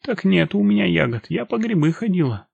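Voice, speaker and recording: A man voicing a sharp young female bodyguard who plays coy and playful, in an audiobook reading. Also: high voice, big pitch swings, fairly quick, vocal fry, breathy edge, no echo, lo-fi sound, voice pushed up, heavily acted. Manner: coquettish, playful.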